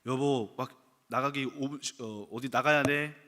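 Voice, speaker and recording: A man's voice: mid-range voice, steady tone, measured pace, sharp tone, big-room sound. A man acting out an impatient husband who curtly badgers his wife. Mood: badgering. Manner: curt, badgering.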